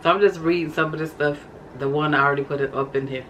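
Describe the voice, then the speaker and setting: A woman's voice: low-pitched, fairly even intonation, quick pace, fairly bright tone, highs cut off, a little hiss or hum. Chatty woman reading her journal aloud. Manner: chatty, addresses viewers as y'all. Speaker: vlogger. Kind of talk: casual vlog, reading from a journal.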